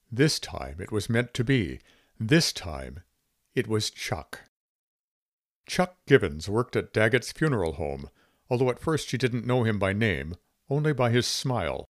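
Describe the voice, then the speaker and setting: A man narrating a novel as an audiobook in a wry, expressive way. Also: lowish voice, dry recording, studio quality.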